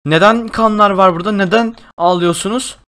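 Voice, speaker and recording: Young guy hosting a minecraft role-play, highish voice, gets really excited. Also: brisk. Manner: excitable, exclamatory. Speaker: gaming YouTuber host.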